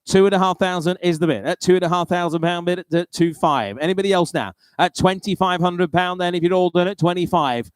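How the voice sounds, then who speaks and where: Clear-voiced British male auctioneer, higher pitched. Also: a little fast, hardly any pauses, no room sound. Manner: informal, chatty, wry asides between bids. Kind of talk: live auctioneering, rolling bid-calling chant with repeated prices.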